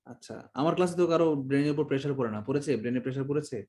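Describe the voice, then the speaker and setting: A man's voice: medium pitch, racing, darkish tone. A Bangladeshi man teaching an online exam-prep class in a chatty, joking way, acting out how words are said. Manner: chatty, joking, demonstrates pronunciations.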